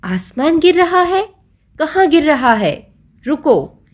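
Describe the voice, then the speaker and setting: A woman's voice: sits high, animated, normal speed, voice pushed up. A woman voicing a brave, wise male lion, king of the jungle, who asks commanding, roaring questions in a storybook lesson.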